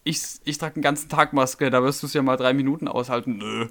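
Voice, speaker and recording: A man's voice: mid-range voice, flat delivery, fast, fairly bright tone. A young man from Germany co-hosting a casual podcast, tired and irritable after work, ranting and swearing as he acts out customers. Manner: worked-up, swearing, acts out customers in quoted voices. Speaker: podcast co-host.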